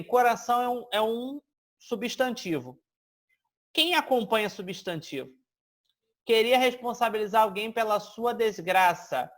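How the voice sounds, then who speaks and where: In a high voice, a man leads an exam-prep grammar class, building each explanation step by step. He lengthens example words to show them and frequently checks in with his audience.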